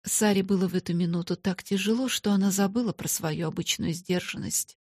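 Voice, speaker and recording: A woman narrating a classic children's story aloud in a steady, expressive audiobook reading. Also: medium pitch, a little fast, no room sound, clean studio sound.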